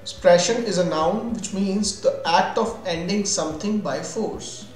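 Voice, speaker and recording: A high-pitched male English teacher with an Indian accent takes his time over a scripted vocabulary lesson. He defines terms and then gives examples in an instructional manner, recorded with a roomy echo and background music.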